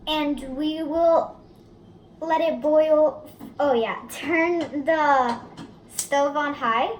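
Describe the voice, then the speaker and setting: In a home kitchen full of echo and background noise, a child co-hosts a casual cooking demonstration. The voice is high with fairly even intonation and a very slow delivery.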